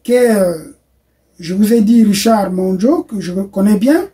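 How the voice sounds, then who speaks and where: A middle-aged man with a high-pitched, mellow voice hosts a political talk show discussion at a measured pace. He affirms his guest with "voilà" and tends to drift into long explanations.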